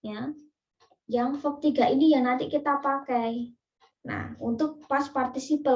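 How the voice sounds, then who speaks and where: A woman's voice: high voice, a little mellow. A woman with an Indonesian accent teaching an English grammar class, explaining step by step with frequent fillers and asides. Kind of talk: online class lecture. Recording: distant, muffled lo-fi recording.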